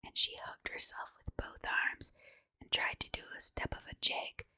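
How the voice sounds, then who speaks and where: A woman's voice: moderate pace, sharp tone. A woman reads a children's storybook under her breath in an ASMR style, in an unvoiced whisper.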